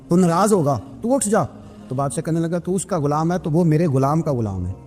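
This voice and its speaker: A man preaching an emotional sermon, telling stories and voicing the people in them, moving between soft and raised delivery. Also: fairly high pitch. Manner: storytelling, voicing figures in quoted dialogue.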